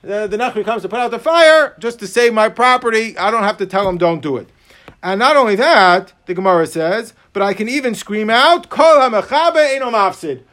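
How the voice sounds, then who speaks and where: A high-voiced American man gives a class on religious law as a rabbi. His speech has a yeshiva manner, sprinkled with Yiddish and Hebrew terms. He gets animated, playing both sides of imagined conversations. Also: brisk, few pauses. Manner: animated, acting out hypothetical dialogues. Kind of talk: religious law lecture with questions from students.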